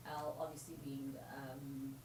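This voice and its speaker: A woman's voice: very deep voice, flat delivery, unhurried, far from the mic. A young South African woman with a Xhosa accent, a guest on a radio show, explaining things patiently with many fillers and mixing English with Xhosa. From South Africa, Eastern Cape. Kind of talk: radio interview. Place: radio studio. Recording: echoey room, off-mic, noisy ambience.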